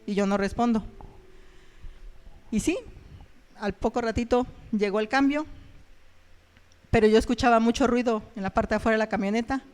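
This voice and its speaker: A woman giving a personal testimony in church, telling her story earnestly and haltingly with many fillers. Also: on the high side, a little mellow, clear, resonant tone. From Mexico.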